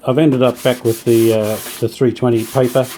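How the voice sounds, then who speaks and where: The audio is poor as a man with a mellow, mid-range voice talks at normal speed with little pitch movement. Hosting a hobby radio restoration channel, he casually thinks aloud through his hands-on work in an understated, slightly tentative way, with sanding and rubbing clearly audible.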